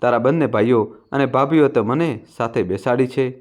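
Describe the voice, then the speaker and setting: A man reading the lines of a gentle, timid elderly widowed mother who speaks softly and hesitantly in a storybook narration. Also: medium pitch, moderate pace, lightly acted. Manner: soft, pleading, hesitant.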